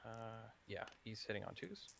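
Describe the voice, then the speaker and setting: A man's voice: on the low side, animated, normal speed, creaky, fairly bright tone, a little hiss or hum. A man playing a tabletop wargame, calling out his dice rolls with hesitant fillers. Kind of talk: casual game commentary.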